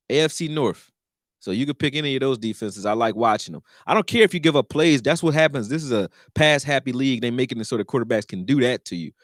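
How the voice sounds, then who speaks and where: Philly dude on a football livestream, cussing, gets hyped then mumbles, dry close mic. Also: male voice, no room sound. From Philadelphia, raised; born in Texas. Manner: loose and profane, swings between excited and low mumbling. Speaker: sports talk host. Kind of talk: casual live-stream sports talk.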